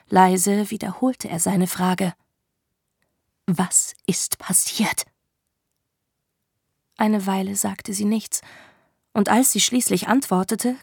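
A woman narrating a dramatic story in a slow, hushed manner. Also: mid-range voice, vocal fry, slightly rough, no room sound, studio quality.

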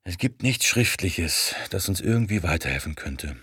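An intense spymaster with an aggressive, emphatic delivery, as a male audiobook reader acts him out. His voice is husky and low, and it booms when he presses a point. It sounds close and dry, with no room around it. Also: animated, normal speed, a bit bright, no room sound, full character voice. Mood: confiding.

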